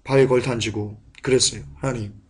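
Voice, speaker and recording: A man preaching a sermon and telling a personal testimony, moving between hushed, quiet recollection and loud, passionate outbursts. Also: a little high, expressive, normal speed, breathy edge. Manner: impassioned, swings from hushed to shouting.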